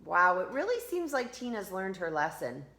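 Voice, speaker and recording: Reading a storybook to children, this woman teacher talks directly to her young listeners and draws out certain words emphatically. Her voice is on the low side and full of expression.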